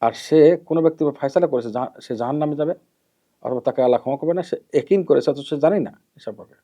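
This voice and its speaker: A man giving a measured hadith lesson as an Islamic preacher, repeating key terms and letting his phrases trail off softly. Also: fairly high pitch. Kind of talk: hadith lesson, explaining and admonishing. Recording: dull lo-fi recording.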